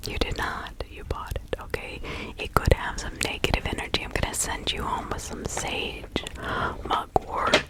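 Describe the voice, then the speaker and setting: In a whispered ASMR roleplay, a woman plays a kindly, protective village witch and spiritual healer, her hushed delivery soothing and incantatory. She speaks at a moderate pace, close to an everyday voice, with a gentle, reassuring mood.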